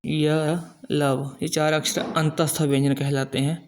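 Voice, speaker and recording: Brief: middle-aged male teacher, slightly high, even-toned delivery, patient and methodical, stretches out example syllables. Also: slight background noise. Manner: slow, explanatory, drawing out sounds as examples. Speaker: Hindi grammar teacher. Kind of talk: classroom-style grammar lesson.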